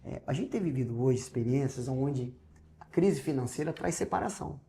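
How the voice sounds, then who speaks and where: A Brazilian Portuguese-accented man, a pastor, shares his personal testimony in an interview. He acts out the dialogue, swinging between loud and hushed, with a medium pitch, an animated manner and a normal speaking speed.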